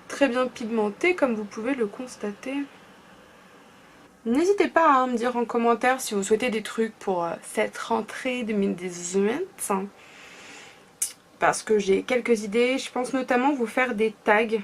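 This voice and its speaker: A woman's voice: fairly high pitch, unhurried, gravelly, a little hiss or hum. A young woman from France chatting casually through a makeup tutorial, often trailing off into murmurs. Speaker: beauty vlogger.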